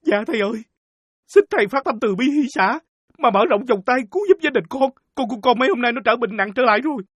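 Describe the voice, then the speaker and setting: A woman playing an anxious rural father who pleads quickly. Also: a little high, lively intonation, slightly rough, dry recording. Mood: pleading.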